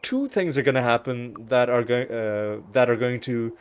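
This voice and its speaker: A man's voice: mid-range voice, normal speed, smooth. A man hosting a let's play, talking through a game casually with wry, rambling asides and frequent self-corrections. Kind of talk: casual gameplay commentary.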